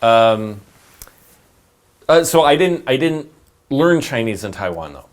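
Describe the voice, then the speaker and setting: A man's voice: medium pitch, very animated, slow. A man chatting casually and giving his commentary as a guest panelist.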